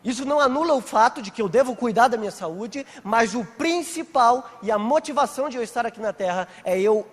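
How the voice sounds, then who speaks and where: Brief: Brazilian male preacher, very high voice, long church reverb, earnest storyteller. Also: expressive, brisk. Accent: Brazilian Portuguese. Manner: earnest storytelling, retelling scenes in quoted speech. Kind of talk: testimony sermon. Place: church hall.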